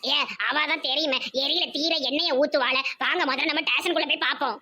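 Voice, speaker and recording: A woman's voice: high-pitched, steady tone, fast, pushed and bright. A woman voicing a cheeky young village woman with an in a cartoon, talking in a blunt way. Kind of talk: cartoon voice acting.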